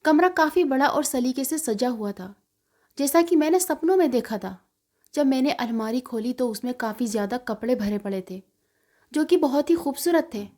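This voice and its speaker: High-voiced woman narrating an emotional story. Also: lively intonation, moderate pace, mellow. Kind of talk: first-person story narration.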